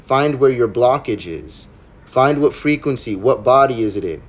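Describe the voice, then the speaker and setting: A man's voice: mid-range voice, lively intonation, moderate pace. Host type, male, preachy but street-casual, blunt and slangy. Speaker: podcast host. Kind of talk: casual spiritual chat.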